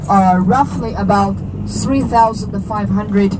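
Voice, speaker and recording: Outdoors on a city street, a tour guide from China in her thirties explains sights slowly in a mid-range voice with a Chinese accent. She's chatty, quizzing listeners and joking along the way, while traffic noise runs underneath.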